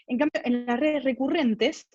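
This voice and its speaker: A woman's voice: high voice, normal speed, darkish tone, breathy edge, dry recording. Woman lecturing, dull dry audio. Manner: explanatory, frequent tag questions and filler "este". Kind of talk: technical lecture.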